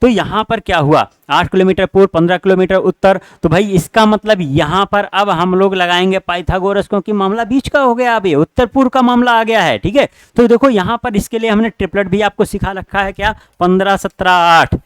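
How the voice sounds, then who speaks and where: A man's voice: sits high, a little fast, hardly any pauses, smooth, no echo. A man teaching an online exam-prep class, working through test questions and urging his students again and again. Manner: repetitive, urging students directly.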